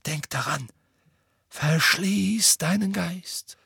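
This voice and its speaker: Guy reading as old wise wizard headmaster, higher pitched, earnest, dry close sound. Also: steady tone, no echo. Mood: whispering. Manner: earnest, measured, drops to a whisper. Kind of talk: audiobook reading.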